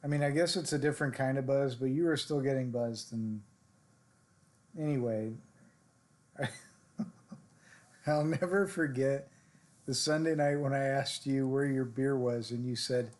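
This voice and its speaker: A male streamer talks through his shots, in a relaxed voice full of fillers and restarts. He answers viewers in chat directly, like he is chatting with friends. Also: medium pitch, moderate pace. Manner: relaxed, self-coaching talk with fillers. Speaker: game streamer. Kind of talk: casual live-stream gameplay commentary.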